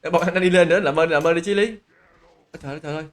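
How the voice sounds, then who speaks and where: A man doing live gameplay commentary, who exclaims loudly and greets and teases his chat viewers. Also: fairly high pitch, fairly even intonation, rapid-fire, a little hiss or hum. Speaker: game streamer. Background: game music.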